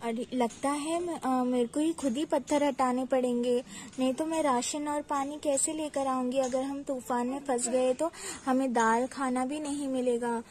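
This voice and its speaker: A woman voicing a brave high-voiced village girl. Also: steady tone, normal speed, a little mellow, slight background noise, close to an everyday voice. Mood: worried. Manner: chatty, exclaims often. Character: brave cheerful young village daughter. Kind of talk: doll cartoon voice acting.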